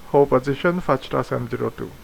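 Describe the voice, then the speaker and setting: Gravelly man giving terse cockpit callouts. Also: mid-range voice, quick pace, a little hiss or hum. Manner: clipped radio phraseology, terse callouts. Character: airline pilot making cockpit callouts. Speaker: flight sim player acting as pilot.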